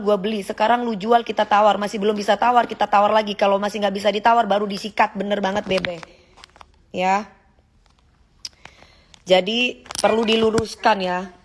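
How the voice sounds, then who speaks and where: Woman in her forties, fairly high pitch, sassy and confrontational live-stream host talking into her phone. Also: slight background noise. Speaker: livestream host. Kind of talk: casual livestream chat reading comments.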